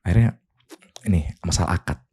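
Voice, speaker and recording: Deep-voiced man telling his story. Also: a little fast, husky. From Indonesia. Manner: lively storyteller, voices quotes, laughs while telling. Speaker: guest, clothing business owner. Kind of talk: casual storytelling interview.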